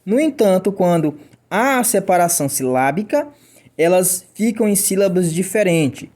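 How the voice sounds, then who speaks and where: Lively Brazilian male teacher. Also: high-pitched, normal speed. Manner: chatty, keeps checking in with "tá?"; voices imagined student questions. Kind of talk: classroom grammar lesson.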